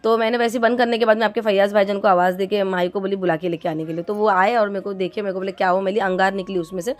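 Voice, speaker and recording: A woman's voice: medium pitch, steady tone, very fast, soft background music. A middle-aged woman from India telling a vlog story to her viewers, chatty and rambling with lots of fillers and restarts. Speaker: vlogger.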